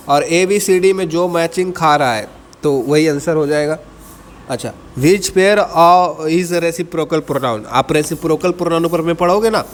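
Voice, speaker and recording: A man teaching an entrance exam English lesson, explaining in Hindi and dictating English definitions slowly, often asking students and checking they follow. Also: on the high side, long reverb tail, slight background noise. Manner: keeps asking students to answer and checks with "ठीक है".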